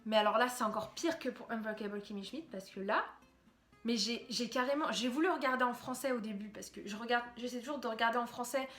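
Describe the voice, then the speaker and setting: A woman's voice: fairly high pitch, fast, fairly bright tone, faint music behind. A young woman chatting casually to camera as a YouTuber, talking through TV series with many fillers and restarts. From France. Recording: echoey room.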